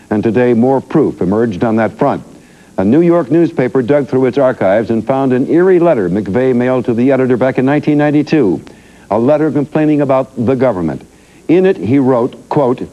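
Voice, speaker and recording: A man reading television news and then hosting a studio interview in a measured, formal manner. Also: mid-range voice, warm tone. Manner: measured, formal newsreader delivery. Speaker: TV news anchor and talk show host. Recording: dull lo-fi 1990s TV audio.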